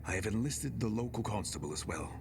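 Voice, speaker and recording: An actor playing a weary small-town doctor in a video game, reading grim private notes in a slow, theatrical, villain-like, sometimes hushed voice. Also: male voice, fairly low pitch, animated. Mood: grave, ominous. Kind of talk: dramatic video game monologue. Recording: strong noise over the voice.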